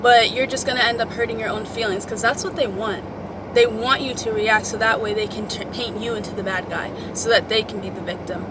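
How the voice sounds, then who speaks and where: Higher-voiced young woman, casual emphatic advice. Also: steady tone, fairly quick, background noise. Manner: chatty, emphatic girl-talk with swearing and pet names. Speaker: vlogger giving advice to followers. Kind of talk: casual motivational chat to the audience.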